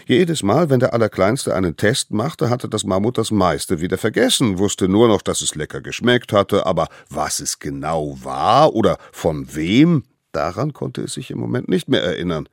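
Male storyteller, low gravelly voice, lively children's story reading. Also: moderate pace, hardly any pauses, dry recording, studio quality. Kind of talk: expressive children's story narration.

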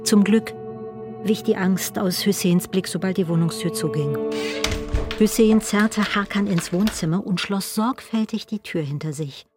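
A woman's voice: mid-range voice, a little slow, music in the background. A woman narrating a drama in a scripted, intense way, often addressing the listener directly and asking rhetorical questions. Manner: intense, second-person, rhetorical.

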